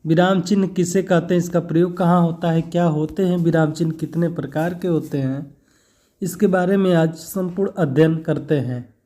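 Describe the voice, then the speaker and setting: Guy teaching grammar for exams, high mellow voice, asks then answers himself. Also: steady tone. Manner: slow, deliberate, asks and answers his own questions. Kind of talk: Hindi grammar lesson for exam prep.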